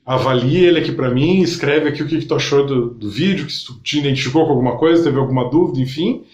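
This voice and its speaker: A man's voice: medium pitch, a little mellow, muffled recording. A man giving an explanatory online lesson, speaking directly to the viewer and walking through steps one by one. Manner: didactic, addresses the viewer directly, pauses to list steps. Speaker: NLP instructor. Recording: roomy echo.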